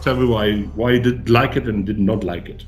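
A man's voice: on the low side, fairly quick. Blunt, swearing man on a video call. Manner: blunt, swears, animated opinions. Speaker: podcast co-host. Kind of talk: casual chat.

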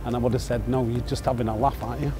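An older man, a volunteer being interviewed outdoors, talking in a plain, soft-spoken way. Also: mid-range voice, fairly even intonation, racing, over music. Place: outdoors, garden. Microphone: lapel.

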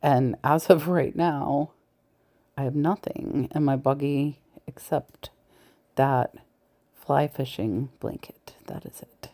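A woman with an extremely low, warm voice talks slowly to viewers while browsing the shelves of a big thrift store, sometimes dropping to a whisper. She's a thrift reseller vlogger doing casual shop-with-me narration, recorded point of view on a body-worn camera mic.

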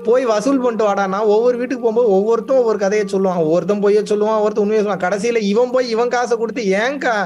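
A man with a very high voice delivers a spiritual discourse to a class. He keeps asking rhetorical questions and repeats words to drive his points home, with faint music underneath. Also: very fast, hardly any pauses, lo-fi sound. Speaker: spiritual teacher.

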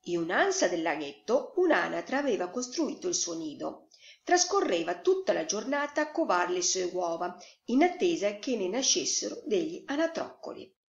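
A woman storyteller reading a fairy tale to children in an expressive, sing-song way. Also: fairly low pitch, normal speed, creaky. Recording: roomy echo, slightly dull sound.

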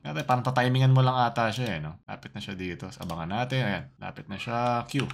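A man's voice: mid-range voice, fast, vocal fry, a little hiss or hum. A young Filipino man giving playful, jokey commentary while playing a horror game, bursting into yelps. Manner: jokey, talks to the game, sudden screams. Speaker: gaming YouTuber.

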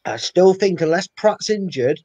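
Speaking from his living room over a webcam video call, a young man co-hosting a football fan channel shares emphatic opinions in a relaxed chat. His voice sits high and sounds mellow, animated, and unhurried, with dry, dull lo-fi audio.

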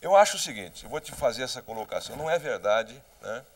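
A man's voice: mid-range voice, very animated, quick pace. A middle-aged man with a Brazilian accent, a political candidate answering questions defensively and emphatically in a heated televised debate. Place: television studio.

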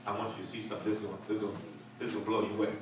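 Pastor preaching in an echoey hall. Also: male voice, on the low side, flat delivery, rapid-fire. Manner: emphatic preaching, repeats words, calls for responses. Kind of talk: Bible study teaching. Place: church fellowship hall with seated group. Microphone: handheld mic, heard from a far camera. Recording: echoey hall from far off, faint hiss.

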